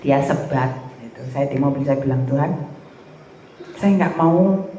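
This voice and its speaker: Woman, church preacher, animated testimony, very echoey hall, faint background noise. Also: a bass voice, unhurried. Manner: animated storytelling, mixing in Javanese phrases. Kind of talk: testimony sermon.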